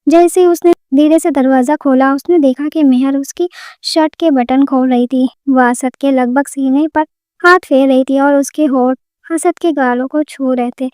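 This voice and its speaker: A woman reads a dramatic story aloud in a steady, scripted way. Her voice is high yet mellow in tone. The sound is dry and close. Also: no echo. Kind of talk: scripted narration.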